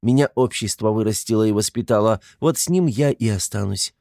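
A man voicing a tiny, stubborn, sharp-tongued peasant woman in an audiobook. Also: fairly low pitch, fairly quick, gravelly, dry recording, clean studio sound. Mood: indignant. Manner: stubborn, scolding. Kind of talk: audiobook character voice.

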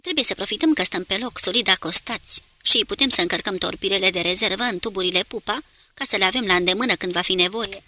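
A woman reading the lines of an exhausted, gruff male submarine officer with a hoarse voice. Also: mid-range voice, sharp tone, close to an everyday voice.

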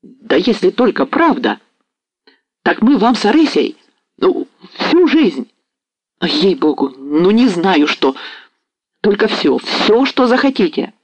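A man's voice: sits high, big pitch swings, takes it slowly, pauses often, no echo, voice pushed up, heavily acted, poor audio. A man voicing an eager young male cossack who talks in a rush of joy and sighs. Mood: overjoyed.

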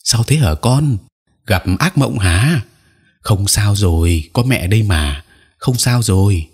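A man playing a gentle, anxious mother. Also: lowish voice, expressive, husky, exaggerated voice. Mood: soothing. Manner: slow, soothing and earnest. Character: worried, gentle mother soothing her child.

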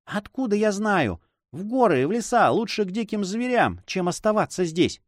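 Anxious young noblewoman, read by a man, high-pitched and pleading, emotional storybook sister. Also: very animated, normal speed, no echo, studio quality. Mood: desperate.

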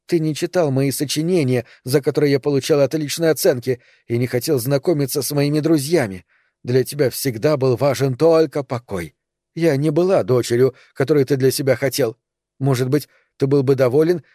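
A man's voice: mid-range voice, warm tone, dry recording, clean studio sound, close to an everyday voice. A man voicing a distraught young adult daughter, speaking in a raised, pleading way.

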